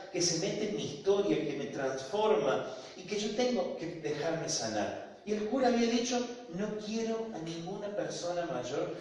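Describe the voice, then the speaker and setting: A man preaching a testimony to an audience with an Argentine accent, animated storytelling that swings between loud emphasis and hushed near-whispers. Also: sits high. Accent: Argentine Spanish. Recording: echoey hall from far off, faint ambience.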